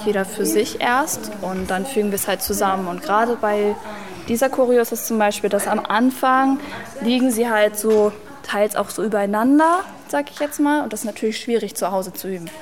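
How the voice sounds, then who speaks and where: Woman, dancer, casual interview, explaining, conversational, mid pitch. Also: fairly quick, crowd noise.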